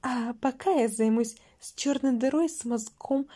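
A bossy villain girl yells orders and insults at her followers in a fan audio story, as a woman reader puts her on. The voice sits high and shrill, with a mellow tone under the shouting. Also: moderate pace, lightly acted. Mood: furious. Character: furious bossy villain girl, leader of dark school.

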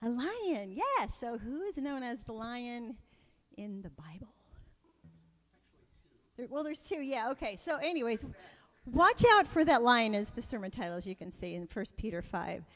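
A woman's voice: fairly high pitch, sing-song, normal speed, big-room sound. A woman leading worship in church, making casual, joking announcements to the congregation.

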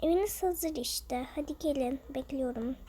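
A chirpy, high-pitched caller from a furniture crew, announcing in a sing-song voice that keeps repeating itself, as a woman puts it on. The voice sits well above a normal speaking pitch and bounces with each phrase. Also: moderate pace, warm tone, a little hiss or hum, natural voice.

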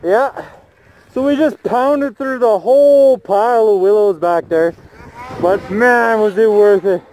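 Excited man over engine noise. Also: high-pitched, takes it slowly. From Canada. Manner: excited, laughing, loose. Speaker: snowmobile rider filming. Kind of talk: casual outdoor chat. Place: open snowy field outdoors. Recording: loud engine noise behind.

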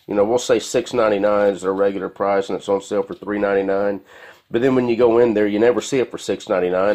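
A fairly low, a-little-mellow male voice belongs to a home mechanic who meanders through a tool review in folksy style, fillers and all. He's in his garage on a concrete floor, recording on a handheld phone.

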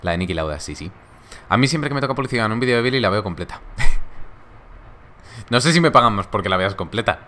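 A man's voice: fairly low pitch, lively intonation, fast, pauses often, pushed and bright. Joking young man streaming. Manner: laid-back, joking, laughs often. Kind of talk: casual live-stream chat reading viewer comments.

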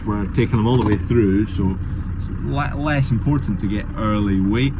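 Scottish young man, noisy vlog audio. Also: lowish voice. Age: 20s. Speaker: farmer vlogger. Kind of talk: casual vlog chat. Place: in a car and around a farmyard. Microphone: phone at arm's length. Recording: noisy phone audio with vehicle and outdoor noise.

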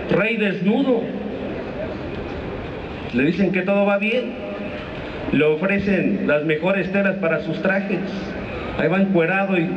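A man's voice: high voice, noisy background. A middle-aged man with a Mexican accent giving a combative, crude protest speech from an outdoor stage, talking into a handheld mic. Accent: Mexican Spanish. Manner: combative, crude, calls the crowd comrades. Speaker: union leader giving a rally speech. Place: outdoor stage at a street rally. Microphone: handheld mic through a PA, filmed from the crowd. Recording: distant, echoey, muffled amateur video of a PA.

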